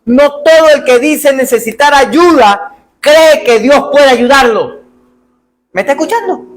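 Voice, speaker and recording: A man preaching a lively sermon, calling out to the congregation and acting out the cries of the blind men. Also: very high-pitched, unhurried, rough recording. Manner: animated, calls out to congregation, acts out biblical cries. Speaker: pastor.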